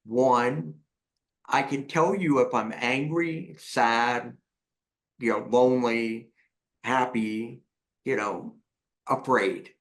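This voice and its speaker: A man appearing as a therapist and author on a podcast, explaining ideas in a lively way and acting out examples. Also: mid-range voice, takes it slowly, long pauses. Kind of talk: conversational interview.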